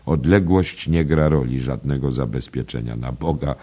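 An exceptionally deep male voice reads a literary novel aloud, steady and measured. The delivery is low and unhurried narration. It sits at the very bottom of a man's range. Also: breathy edge. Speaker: audiobook narrator.

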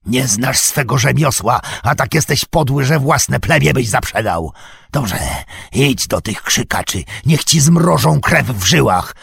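A man's voice: medium pitch, gravelly, a bit bright, breathy edge, no echo, studio quality, full character voice. A man voicing a sly, cowardly male orc tracker in an audiobook reading, sneering and muttering. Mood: spiteful.

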